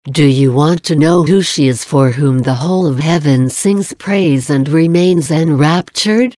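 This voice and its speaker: Brief: woman reading as a tender queen of heaven, low and slow, mellow and dry. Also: no room sound. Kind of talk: devotional reading.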